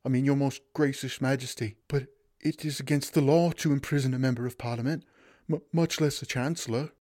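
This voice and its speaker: A man's voice: mid-range voice, fairly even intonation, fairly quick, darkish tone, no room sound, studio quality, natural voice. A man voicing a polite, stammering palace policeman in a storybook reading. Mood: flustered. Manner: stammering, polite, then gruff.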